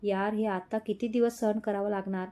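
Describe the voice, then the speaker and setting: A woman's voice: medium pitch, fairly even intonation, normal speed, mellow, natural voice. A woman doing a grumbling, irritated businessman. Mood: frustrated muttering. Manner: grumbling, frustrated. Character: irritated young businessman muttering to himself.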